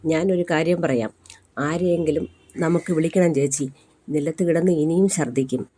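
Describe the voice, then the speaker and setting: A woman's voice: low-pitched, normal speed, warm tone, slightly rough. A woman voicing an anxious young woman who speaks in an earnest, pleading way.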